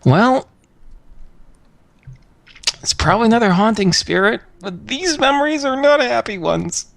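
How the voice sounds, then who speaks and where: A game master narrating a tabletop role-playing game in deliberate, descriptive short phrases. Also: medium pitch, expressive, gravelly, fairly bright tone, dry recording.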